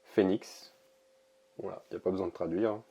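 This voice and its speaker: A man casually showing an oracle card deck, talking in a relaxed, hesitant way with many pauses and fillers. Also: sits low, creaky, slightly rough. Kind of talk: casual product presentation to camera.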